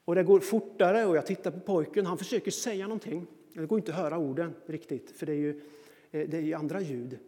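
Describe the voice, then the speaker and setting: A man recounting a personal story in an animated, self-mocking way. His voice sits high but sounds warm and mellow. A long reverb hangs behind each phrase. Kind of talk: personal anecdote monologue.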